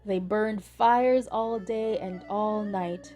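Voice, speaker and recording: A woman reading a children's picture book aloud in a gentle, deliberate way. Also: medium pitch, fairly even intonation. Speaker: storybook reader. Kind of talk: children's read-aloud narration. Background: soft instrumental music.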